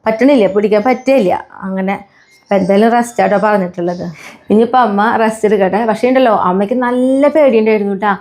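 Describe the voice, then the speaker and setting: A woman's voice: medium pitch, quick pace. A woman with a Kerala Malayalam accent chatting casually to the camera in a family vlog, often tacking friendly asides onto her sentences for viewers. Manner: soft baby-talk when addressing her pets. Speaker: family vlogger.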